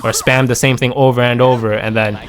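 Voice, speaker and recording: A man's voice: mid-range voice, level tone, a little fast, faint music behind. A man giving casual gameplay commentary, rambling with lots of fillers and restarts. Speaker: gaming content creator.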